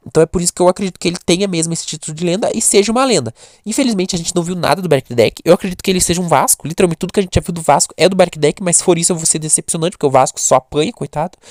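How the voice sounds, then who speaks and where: In a dry, studio-quality recording, a young Brazilian man speaks in a high voice. He's casually discussing webtoon characters to camera, rambling along with plenty of fillers, restarts and self-corrections.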